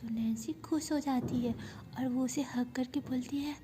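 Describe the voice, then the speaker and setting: A woman narrating a love story in a soft, half-whispered storytelling voice. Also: high-pitched, steady tone, normal speed, background noise.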